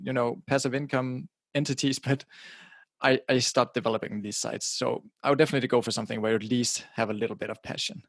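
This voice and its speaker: With a fairly low pitch and no room sound, a middle-aged man from Denmark, Danish by first language and not a native English speaker, guests on a podcast as a website publisher. He's casual, often repeating opening words as he restarts and laughing at times, speaking close into a directional podcasting mic.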